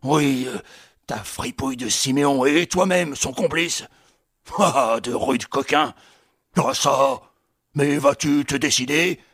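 A man's voice: mid-range voice, slow pace, a bit bright, no echo, studio quality. A man playing a furious young army captain who barks threats and scornful jibes in an audiobook. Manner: gruff threats and scornful laughter.

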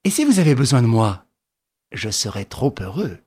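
A man reading an audiobook, voicing a suave gentleman thief who talks in an ironic, mock-polite way. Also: medium pitch, sing-song, normal speed, breathy edge.

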